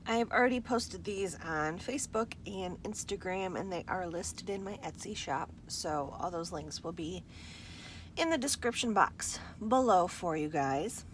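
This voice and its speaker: Woman, casual crafting vlog, slow relaxed delivery, slightly low pitch, husky morning voice, noisy background. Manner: relaxed and unhurried, with fillers. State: morning voice, clearing throat. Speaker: journal maker showing her work. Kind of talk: casual show-and-tell vlog.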